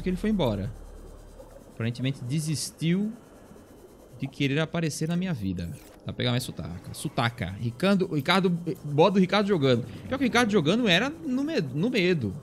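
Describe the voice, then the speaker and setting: A man's voice: a little high, sing-song, brisk, a little hiss or hum. A young man with a Brazilian Portuguese accent streams a survival game live, talking to himself and thanking viewers in chat. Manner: chatty, talks to himself and thanks chat members. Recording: game music playing behind.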